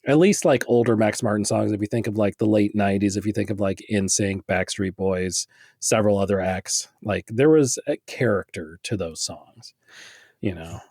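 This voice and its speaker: A man's voice: fairly low pitch, moderate pace, darkish tone, breathy edge, no room sound, studio quality. A man co-hosting a music podcast, chatting casually with rambling, self-deprecating remarks and casual swearing. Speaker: podcast co-host reviewing albums. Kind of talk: casual music review chat.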